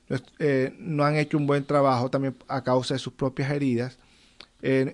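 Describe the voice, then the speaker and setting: A man speaking earnestly as a guest in a faith interview, preaching and telling a fable. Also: medium pitch. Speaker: guest, ministry counselor.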